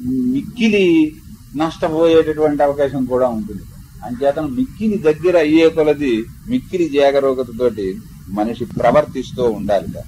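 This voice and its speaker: Older Telugu teacher chanting slowly. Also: male voice, mid-range voice, warm tone, a little hiss or hum, rough recording. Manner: slow melodic chanting of verses; explanatory storytelling lecture. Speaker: spiritual teacher. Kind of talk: chanted verses then discourse.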